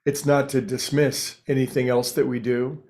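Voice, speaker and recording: A man teaches a guided meditation in a calm, unhurried way, with a very even, level delivery. He offers short phrases separated by pauses, his mid-range pitch barely shifting.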